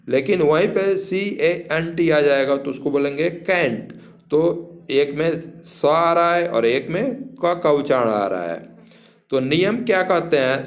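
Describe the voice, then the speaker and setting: A man teaching English in a lesson, patiently spelling words out letter by letter and repeating each rule. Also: fairly high pitch.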